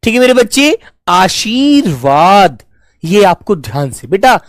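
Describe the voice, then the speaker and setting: This male teacher runs a live online spelling lesson, very animated, with his voice rising and falling a great deal. He patiently repeats words at a slow stretch and fondly addresses the kids as "beta." The audio is close and dry, free of reverb.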